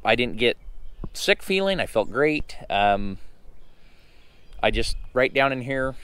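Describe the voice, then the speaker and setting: Slightly hoarse man, halting and folksy. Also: mid-range voice, very animated, a bit bright. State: slightly hoarse, recovering from a lost voice. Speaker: truck owner and vlogger. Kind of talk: casual vlog update.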